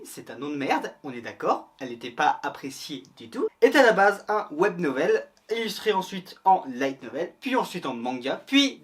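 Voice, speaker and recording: A man's voice: on the high side, a bit bright. A man hosting a casual, comedic anime and manga review, jokey and crude with self-mocking banter.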